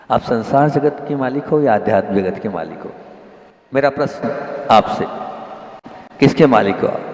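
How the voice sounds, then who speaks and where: A man's voice: mid-range voice, a little mellow. A man delivering a sermon, questioning his listeners and repeating key phrases with rising emphasis. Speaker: Jain monk preacher. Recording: echoey hall with long reverb.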